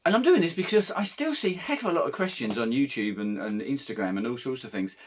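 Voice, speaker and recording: A man with a slightly croaky voice, a wedding photographer giving a casual, meandering camera review vlog. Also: medium pitch, very animated, fast, slight background noise. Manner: conversational, meandering.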